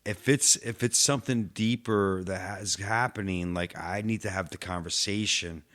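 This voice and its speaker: A man with a low voice chatting casually on a podcast, sincere and emotional in tone. His speech is loose and full of "like" as he works through his thoughts. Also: moderate pace, a bit bright. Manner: heartfelt, filler-heavy, says "like" constantly. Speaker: podcast co-host. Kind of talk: casual chat.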